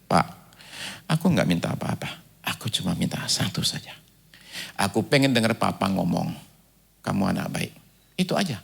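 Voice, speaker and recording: A male pastor giving a sermon in a church, telling stories and acting out the people he quotes. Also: fairly high pitch. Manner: animated storytelling, acts out quoted people. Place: church stage.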